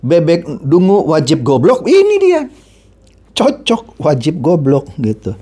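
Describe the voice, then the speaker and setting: Middle-aged male commentator, sarcastic and mocking, high-ish voice that swings widely; ranting video host. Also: sing-song, a little slow, mellow, slightly rough. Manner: mocking, sarcastic, repetitive insults.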